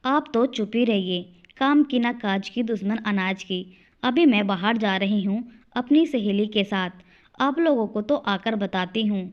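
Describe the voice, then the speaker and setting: Woman voicing a cruel daughter-in-law, contemptuous scolding tone, mid pitch, muffled lo-fi sound. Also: measured pace, lightly acted.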